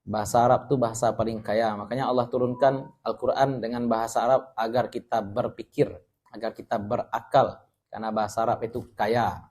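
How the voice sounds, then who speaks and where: A man's voice: medium pitch, steady tone, a little fast, a little mellow. A man with a Minangkabau accent teaching an Islamic study class, explaining Arabic terms and joking with his listeners. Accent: Minangkabau Indonesian. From West Sumatra. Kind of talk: religious study lecture.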